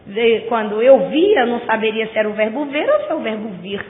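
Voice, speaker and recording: A woman teaching grammar in a lecture, with a Brazilian Portuguese accent, drawing words out slowly to stress their syllables. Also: fairly high pitch, lively intonation. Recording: tinny, echoey lo-fi recording.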